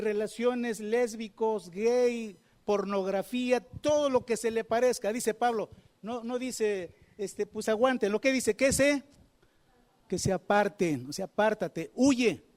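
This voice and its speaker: A man's voice: sits high, a little mellow. A man preaching a sermon, asking the congregation questions and repeating phrases for emphasis. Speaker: pastor.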